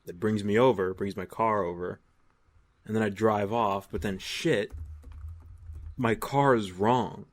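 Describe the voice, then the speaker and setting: A man with a fairly low voice banters on a casual podcast. He talks in a confused, excitable way, swearing and calling his friends dude. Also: measured pace, pauses often. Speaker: podcast co-host. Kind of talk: casual chat.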